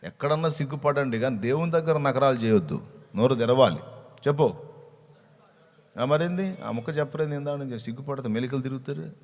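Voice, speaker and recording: A man preaching a sermon with an animated manner, asking the congregation questions and urging them to answer out loud. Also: medium pitch, fairly quick. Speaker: pastor. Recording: reverberant hall.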